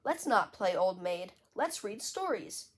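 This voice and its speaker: A woman's voice: mid-range voice, very animated, a little slow, slightly rough. A woman reading aloud, voicing a bold, dramatic little girl who loves witch stories. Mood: eager.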